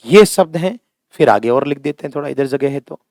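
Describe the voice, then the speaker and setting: A middle-aged man with a Hindi accent teaches a lesson at a classroom board, his medium-pitched voice expressive and a little mellow. He speaks slowly and emphatically, drawing out words to stress their pronunciation, and fondly calls students "beta" and "bhaiya". The recording is dry and clean, studio quality.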